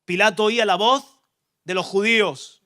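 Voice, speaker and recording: A man's voice: high voice, normal speed, sharp tone. A man preaching a sermon, emphatic, acting out contrasting voices with bursts of intensity. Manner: emphatic, voices opposing sayings with rising intensity.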